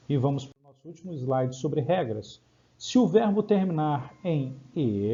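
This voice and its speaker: A Brazilian man teaching English grammar in Portuguese, explaining rules step by step and checking in with quick questions. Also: on the high side, creaky, dark tone, muffled recording. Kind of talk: grammar lesson over slides.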